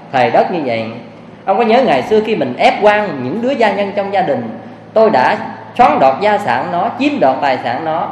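A man's voice: sits high, darkish tone. A man voicing an old woman who begs her husband to pray her sins away. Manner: pleading, lamenting. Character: old woman, suffering ghost, blind and bleeding eyes. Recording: echoey hall, faint hiss.

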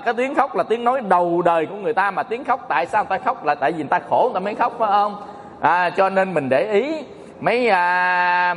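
Male monk, folksy joking sermon, high voice, long hall reverb. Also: a bit bright, slight background noise. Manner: folksy, joking, addresses audience often. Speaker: Buddhist monk teacher. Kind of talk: Dharma talk sermon.

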